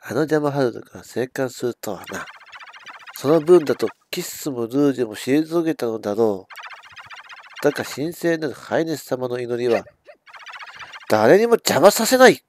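A man's voice: medium pitch, expressive, normal speed, a little hiss or hum, natural voice. A man reading out the lines of a haughty female lightning commander from a video game, in a fairly plain voice. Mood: stern. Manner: reading game dialogue aloud stiffly.

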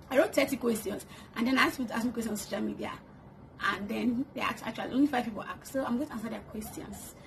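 Filming a get-to-know-me vlog indoors in her bedroom, a woman in her twenties chats playfully and laughs a lot, speaking to a camera on a tripod in front of her. She is a YouTuber with a fairly high, creaky voice, and background noise can be heard.

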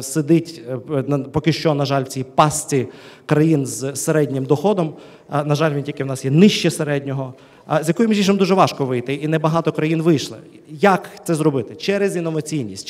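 A man's voice: on the high side, darkish tone. A man giving a public speech at a round table, hesitant, often repeating words while he searches for the next one. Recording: hall reverb.

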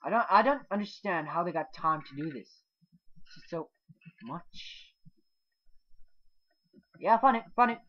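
A man hosting a casual let's play, excitable, swearing and yelping when startled. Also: high voice, measured pace, pauses often. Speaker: gaming channel host. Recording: dull lo-fi mic.

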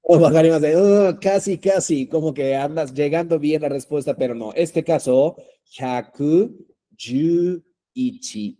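A man's voice: fairly high pitch, normal speed, few pauses, mellow. A man teaching a language class, patient and repetitive, with many fillers and check-ins. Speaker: Japanese teacher.

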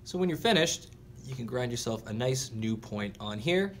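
A man's voice: medium pitch, animated, normal speed, a little hiss or hum. A man teaching welding in a workshop, explaining each step plainly while he demonstrates. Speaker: welding instructor. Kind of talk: instructional demonstration.

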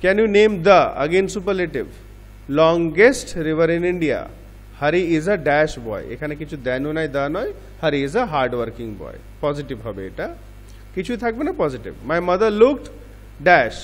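A man's voice: fairly high pitch, very animated, slow pace, long reverb tail. A male English teacher with a Bengali accent explains grammar, asking questions and answering them himself. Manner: explains in Bengali mixed with English examples, asks and answers his own questions. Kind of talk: grammar lesson.

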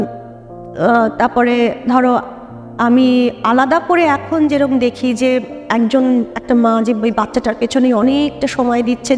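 A middle-aged woman with a Bengali accent, reminiscing in a relaxed talk-show conversation with many hesitations and restarts. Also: on the high side, big-room sound. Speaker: guest dancer.

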